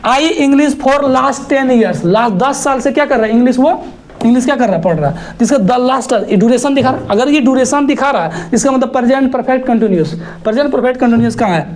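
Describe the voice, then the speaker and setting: This is a male teacher, working through an exam-prep grammar lesson. He talks in a lively, teasing way and throws rhetorical questions that scold his students. He also spells words out letter by letter. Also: very high-pitched, fast, slight background noise.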